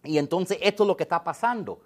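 A man's voice: high-pitched, expressive, fast talker. A man preaching a sermon in as a pastor, conversational and emphatic, dropping in English phrases.

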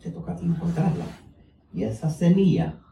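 A man's voice: fairly high pitch, big pitch swings, normal speed, gravelly, mellow. A man, a preacher giving a folksy, joking sermon in the manner of a teacher. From United States. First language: English. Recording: roomy, distant mic, faint background noise.

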